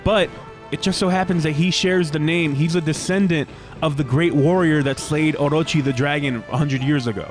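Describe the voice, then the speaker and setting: A man's voice: on the high side, fairly even intonation, moderate pace, soft background music. A man co-hosting a gaming podcast, giving casual, joking, rambling commentary while playing.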